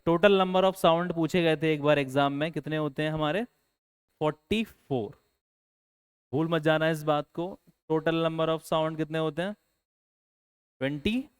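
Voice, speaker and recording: A male teacher gives an exam-prep lecture in a smooth, resonant voice that sits a little high. He keeps putting questions to his students and then answers them himself. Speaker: English teacher.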